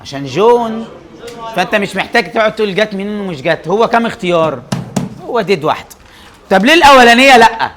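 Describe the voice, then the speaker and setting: A young man with an Egyptian Arabic accent, teaching an English grammar class. He keeps firing quick questions at his students and answering them himself. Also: high voice, lively intonation, a bit bright.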